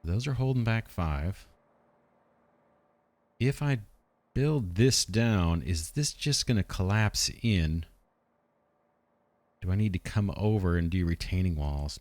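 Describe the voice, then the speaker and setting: A man with a low, deep voice talks through his factory game as he plays. He muses out loud, unhurried, often asking himself questions as he works out his next step. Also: no room sound. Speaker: let's play host. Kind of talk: thinking aloud while playing a strategy game.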